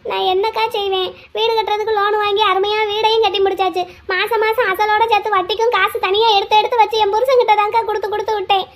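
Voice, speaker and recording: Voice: very high voice, little pitch movement, fast, few pauses. A voice actor playing a tearful village woman in a cartoon, who pleads and laments that her drunk husband deceived her. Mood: lamenting. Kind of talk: cartoon voice acting.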